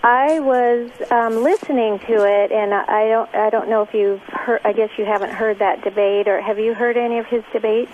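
Woman, radio show caller, tinny phone line, slightly high voice, hesitant with many ums. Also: fairly even intonation, moderate pace, few pauses, darkish tone, a little hiss or hum.

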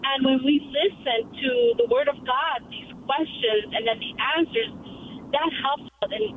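A high, earnest voice comes through a clipped, tinny phone line, sounding a little distant from the handset. Steady car noise hums underneath as the caller speaks gratefully to a radio host. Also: moderate pace. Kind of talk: casual call-in comment.

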